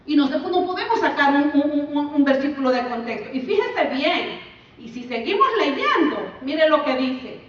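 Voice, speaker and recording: Woman preacher, sermon, fairly high voice, big echoing room, distant and dull recording. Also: big pitch swings, normal speed. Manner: preaching with emphatic rises and drops. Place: church sanctuary. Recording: echoey far-off church mic, dull sound.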